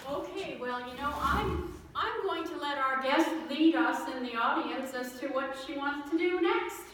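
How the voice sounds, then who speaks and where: A woman's voice: high voice, normal speed, a bit bright, slight background noise. A woman hosting a live comedy skit, chatting with a guest as a friendly emcee in a community hall. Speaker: skit host interviewing a guest. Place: community hall at a holiday potluck. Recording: echoey hall from far off.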